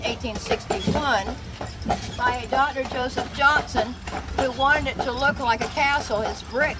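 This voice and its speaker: An older woman of about seventy giving a chatty, explanatory sightseeing commentary as a tour guide, projecting to her group outdoors. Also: on the high side. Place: outdoors on a moving open carriage. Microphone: handheld phone a short distance away. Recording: very noisy outdoor phone recording, clopping hooves. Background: loud noise, horse hooves clip-clopping.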